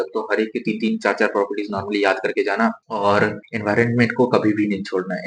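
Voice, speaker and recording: A young man talks through exam preparation in a casual, direct coaching manner, repeating key instructions. His voice is low and fairly flat. The recording has a roomy echo and faint background noise. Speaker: study tips presenter for board exams. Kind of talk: casual exam-prep advice to camera. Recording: echoey room with faint noise.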